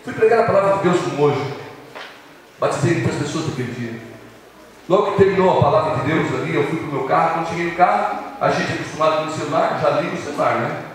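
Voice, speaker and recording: Brazilian male pastor, fairly high voice, storytelling sermon, long hall reverb, mic at a distance. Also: lively intonation, fast, slight background noise. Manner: storytelling, swings from loud to hushed. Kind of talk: evangelistic sermon. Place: large church hall. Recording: echoey hall recording from a distance.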